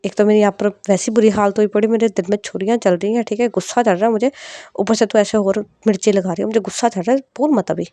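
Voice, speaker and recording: A woman's voice: mid-range voice, fast talker, mellow, dry recording, lightly acted. A woman as a hot-tempered, jealous young woman; snappy, dry read. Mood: irritated. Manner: snappy, sulky scolding.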